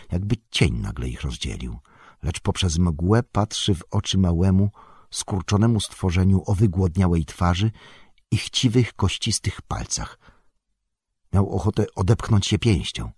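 A man narrating an audiobook in an expressive, lingering manner. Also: sits low, husky, no echo, clean studio sound. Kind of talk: scripted narration.

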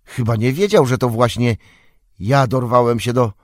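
A man voicing a curious, eager young male hobbit in an audiobook, raising his voice and asking quick questions. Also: mid-range voice, dry recording, clean studio sound, natural voice. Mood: anxious. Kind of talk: audiobook character reading.

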